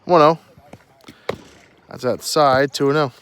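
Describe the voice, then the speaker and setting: A man announcing a baseball game live, giving short, clipped updates on pitches and the count. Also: steady tone, slow, fairly bright tone, a little hiss or hum.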